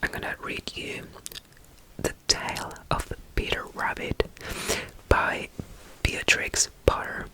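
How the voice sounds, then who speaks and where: The audio is poor, and the delivery is slow: a soothing ASMR caretaker roleplay, all soft whispers, repeated gentle lines, and a bedtime story read aloud.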